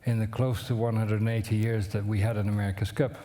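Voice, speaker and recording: A man's voice: on the low side, little pitch movement, quick pace, dark tone. A man moderating at a conference, introducing a guest in an earnest way with hesitations. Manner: earnest, with fillers and restarts. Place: conference hall. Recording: hall reverb.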